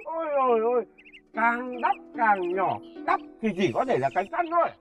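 A naive young village lad talks in a high, bouncing sing-song, puzzling slowly over riddles. Faint music runs behind the lines of this folk comedy film. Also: male voice, big pitch swings, fairly bright tone, full character voice. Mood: puzzled. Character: dim, naive young village student, Tỏi.

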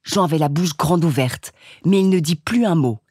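A woman voicing a tall, stooped, consumptive Corsican man who drawls slowly in a monotone and coughs often, in an audiobook reading. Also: deep voice, slightly rough, dry recording, studio quality.

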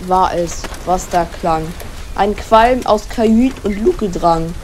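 A woman narrating a ballad as a measured, declamatory dramatic recitation. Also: mid-range voice, darkish tone, slight background noise. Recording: music under the voice.

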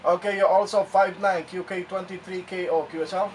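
In an indoor radio room, a man working an amateur radio calls out call signs for satellite contacts in clipped, repeated phrases. His high-pitched voice is brisk with little pitch movement, picked up by a distant camera mic amid loud noise and clicks.

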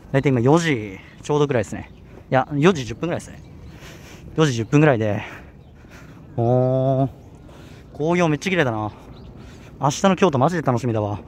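A young vlogger with a Kanto Japanese accent chats while walking a hilly campus outdoors, a bit out of breath, rambling and often correcting himself. Recorded on a handheld camera with a little hiss or hum, his medium-pitched voice is a little mellow and fairly quick, with frequent pauses.

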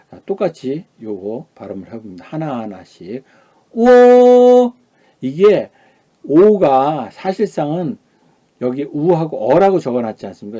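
Korean male teacher modeling Chinese vowels. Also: breathy edge. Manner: demonstrates sounds loudly and high, then drops to a quiet aside; asks the class questions and answers them himself. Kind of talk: classroom lecture.

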